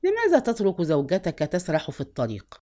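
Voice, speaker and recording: A woman's voice: fairly low pitch, huge pitch swings, quick pace, mellow. A woman voicing a wealthy, lonely older lady who speaks in a coaxing, persuasive way, as part of a story reading.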